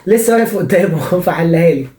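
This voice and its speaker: A young man with an Egyptian Arabic accent hosts a comic advice show at a quick clip, teasing and playfully sarcastic. His voice is mellow and relaxed. The room adds a noticeable echo. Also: on the high side. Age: young adult. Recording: echoey room.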